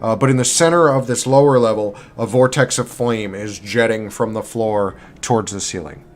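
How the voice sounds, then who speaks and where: A man narrating as game master for a tabletop game, relaxed and rambling, with many fillers and self-corrections. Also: lowish voice, moderate pace. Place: home streaming setup.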